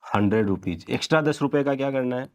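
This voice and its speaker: Male commerce teacher in a revision lecture. Quizzes the class and answers himself, dictates entries slowly, word by word. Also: medium pitch.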